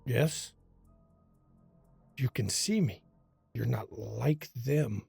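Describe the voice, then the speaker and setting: A man voicing the vengeful, blunt ghost of a gunned-down man in a tabletop game, with a raspy, sly, terse delivery. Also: mid-range voice, extremely slow, a little mellow, no echo, soft background music, pitched below the performer's own voice, exaggerated voice. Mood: watchful, probing. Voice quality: raspy, gravelly.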